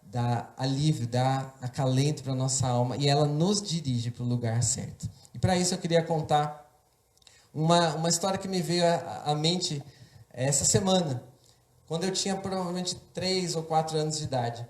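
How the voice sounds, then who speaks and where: A man preaching a sermon as pastor, impassioned and building to forceful emphasis. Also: a little high, normal speed, reverberant. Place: church.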